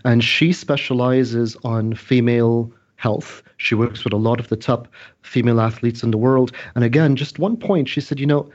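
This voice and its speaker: A man as a podcast guest, speaking at a middle pitch and laying out his points earnestly, stressing and restating each one. His audio sounds a little muffled and lo-fi. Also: steady tone, moderate pace. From Trinidad. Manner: earnest, emphatic, lecturing, repeats points. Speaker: scientist guest. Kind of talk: interview explanation. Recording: slightly dull lo-fi audio.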